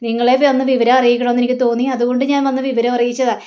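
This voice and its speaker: This is a concerned male friend, earnest and explanatory as he recounts events, played by a woman narrator. Her voice stays high. The reading is plain and conversational. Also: flat delivery, very fast, dark tone, lightly acted. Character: concerned male friend bringing bad news.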